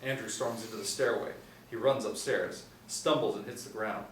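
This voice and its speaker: A middle-aged man with a lowish voice reads stage directions at normal speed as the table-read narrator. Seated in a small indoor room, he reads from a tablet, and the audio is echoey and distant with faint noise.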